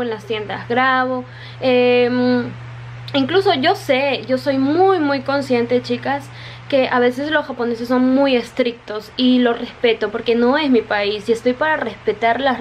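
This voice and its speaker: A woman's voice: sits high, a little hiss or hum. A woman in casual vlog talk, chatty and repeating her words, often calling her viewers "chicas", still wet from the rain. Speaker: vlogger. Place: her home in Japan.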